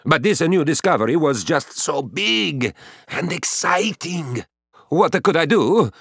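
A man's voice: fairly high pitch, takes it slowly, husky, dry recording, clean studio sound, full character voice. A man playing an elderly male astronomer who narrates his own life in a chatty, cheeky children's story. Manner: chatty and cheeky, with lively asides. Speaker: first-person narrator.

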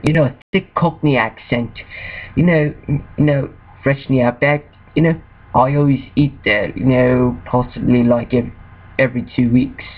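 A man's voice: mid-range voice, close to an everyday voice. A man doing a rambling self-styled Cockney bloke. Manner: rambling, many fillers. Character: mate who claims a Cockney accent, rambling man. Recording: dull lo-fi home recording.

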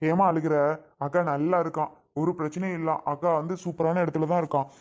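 A man's voice: fairly high pitch, fairly even intonation, fast talker, lo-fi sound, close to an everyday voice. A man playing a grown son in a family skit, talking in a blunt, scolding way. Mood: reassuring. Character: blunt adult son, irritable.

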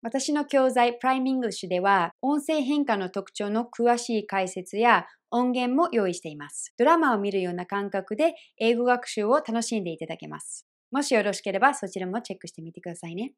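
A woman with a slightly high voice leads an online pronunciation lesson. She explains each point carefully and clearly. She demonstrates phrases slowly and repeats them. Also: lively intonation. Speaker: English pronunciation teacher.

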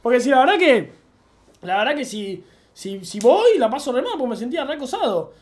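A man's voice: extremely high pitch, brisk. Young Argentine man telling stories. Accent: Argentine Spanish. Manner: slangy, animated anecdote telling. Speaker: streamer. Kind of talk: casual storytelling chat.

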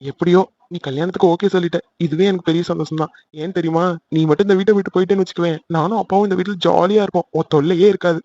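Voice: mid-range voice, fairly even intonation, racing, dark tone, lo-fi sound, natural voice. A performer voicing a whiny, pleading young man who is the younger brother in a family cartoon. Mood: teasing. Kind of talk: cartoon voice acting.

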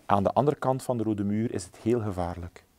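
Brief: scared little cat, hushed and fearful, read by a man. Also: fairly low pitch, brisk, no echo, close to an everyday voice. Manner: whispering, fearful. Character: timid frightened cat. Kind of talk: storybook reading.

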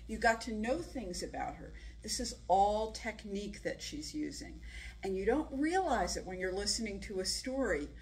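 A woman's voice: mid-range voice, slight background noise. An older woman hosting a live storytelling event, introducing readers and pointing out their writing technique in a teacherly way. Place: senior center room. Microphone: podium mic. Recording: distant room recording, faint ambience.

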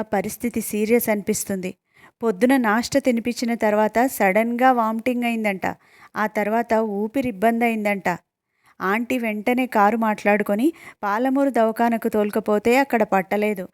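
A woman's voice: a little high, fairly even intonation, moderate pace, no room sound, pitched above the performer's own voice, lightly acted. A worried young village man who speaks in a raised, complaining tone with a lilt, as a woman reads him out. The sound is dry and close.

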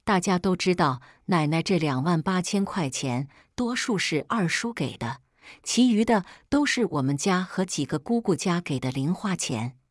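A woman calmly narrating a family story in the first person, as a read-aloud storyteller. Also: fairly low pitch, normal speed, no echo, clean studio sound.

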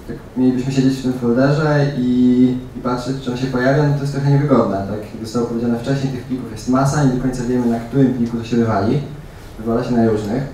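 A man's voice: mid-range voice, dark tone. A young man co-presenting a technical talk, explaining in a loose conversational way. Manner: conversational, asks tag questions. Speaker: conference speaker. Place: large dim lecture room. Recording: echoey hall, distant mic, faint noise.

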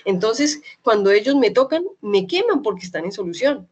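A young adult woman with a Medellín Colombian accent gives an online chemistry lesson. She talks in a lively, chatty way and often checks that her students follow. When a key term comes up, she slows down and says it several times. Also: mid-range voice, breathy edge, muffled recording. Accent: Colombian Spanish, Medellín. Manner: spells out terms slowly and repeats them. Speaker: chemistry teacher. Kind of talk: online class lecture.

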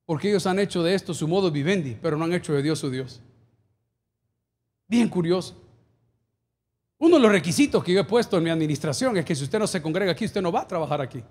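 A male pastor preaching a sermon from the stage of a large church, building to emphatic peaks and firing off quick lists. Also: fairly high pitch, expressive, a little mellow. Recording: long hall reverb.

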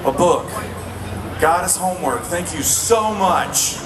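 High-voiced singer rambling to a crowd. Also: male voice, animated, slow pace, distant mic, background noise. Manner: rambling, self-deprecating storytelling. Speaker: lead singer of a band. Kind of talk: talking to a concert crowd between songs. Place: outdoor stage at a night concert. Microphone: handheld stage mic. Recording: echoey live concert recorded from the crowd. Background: loud band playing.

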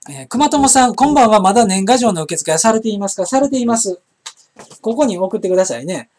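A man's voice: high-pitched, lively intonation, fast talker, darkish tone. A middle-aged man with an Osaka Kansai accent, hosting a casual live-stream chat and rambling with many fillers as he reads viewer comments. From Osaka, Japan. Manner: chatty, rambling, frequent fillers and restarts. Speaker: internet broadcast host.

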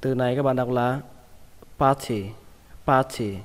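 A man teaching English vocabulary, repeating each word slowly and patiently. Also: medium pitch, fairly even intonation, in a large hall. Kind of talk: vocabulary lesson.

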